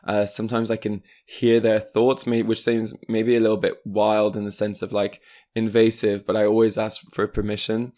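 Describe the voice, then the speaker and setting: A man who grew up in France, chatting on a podcast as a guest. His voice sits a little low, and he talks in an animated, rambling way, full of fillers and asides. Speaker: guest, spiritual coach. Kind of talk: casual podcast interview.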